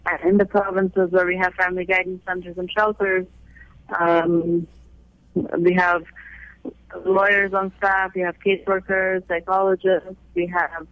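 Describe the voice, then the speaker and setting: A man born in Afghanistan and raised in the United States earnestly explains his women's aid organization in a radio interview, often restarting his sentences. His voice is high, his delivery completely flat and unhurried. The audio is dull and lo-fi, with no room sound.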